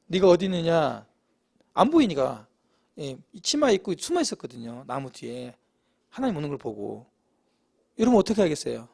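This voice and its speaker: Male lay preacher, high and lively voice, quizzes the congregation, acts out quotes. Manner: animated, asks the congregation questions, acts out quoted lines. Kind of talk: Bible study sermon. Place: church.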